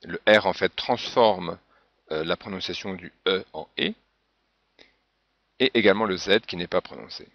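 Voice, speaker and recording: A man's voice: low-pitched, moderate pace, creaky, long pauses, fairly bright tone, no room sound. A man teaching a French pronunciation lesson, patiently spelling out example words one by one. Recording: dull, dry lo-fi recording.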